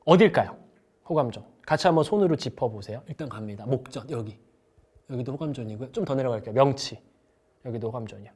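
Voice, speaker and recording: A man's voice: mid-range voice, quick pace, a little mellow, breathy edge. A middle-aged man giving an online sales lecture to hairdressers, acting out little dialogues as he teaches. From South Korea. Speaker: sales instructor.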